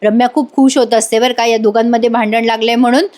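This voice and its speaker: A woman's voice: fairly high pitch, flat delivery, quick pace, a little mellow. A woman giving a casual voice-over recap of a TV serial episode, chatting with her listeners. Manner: chatty, often addresses listeners directly. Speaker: TV serial reviewer.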